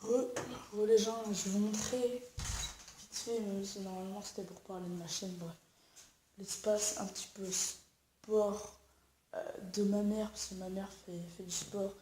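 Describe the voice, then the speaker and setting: A woman's voice: mid-range voice, fairly even intonation, unhurried, dark tone, a little hiss or hum. A young woman filming a casual home-tour vlog, rambling with many fillers and restarts while she is sick. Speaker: YouTuber. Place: at home indoors.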